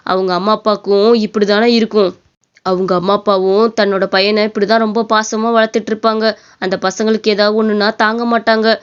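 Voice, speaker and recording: A woman's voice: mid-range voice, clean tone, close to an everyday voice. A woman voicing a humble, pleading male shop worker. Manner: pleading, deferential. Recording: dull lo-fi cartoon audio.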